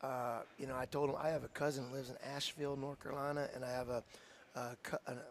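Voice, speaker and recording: A man's voice: mid-range voice, level tone, fast talker, a little hiss or hum. A man, a football coach telling an earnest, heartfelt story in a radio interview. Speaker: high school football coach.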